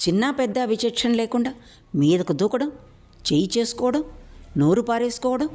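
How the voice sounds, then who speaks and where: A woman's voice: mid-range voice, darkish tone, voice pushed up, natural voice. A woman voicing a domineering middle-aged council chief who scolds and hisses at a younger man. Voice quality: scolding, hissing delivery.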